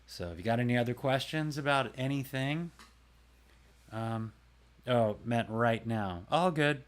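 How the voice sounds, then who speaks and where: A man's voice: mid-range voice, measured pace. A man hosting his own livestream, chatting casually and a bit rambling, talking to viewers by name about his voice work. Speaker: livestream host and voice actor. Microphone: close desk mic.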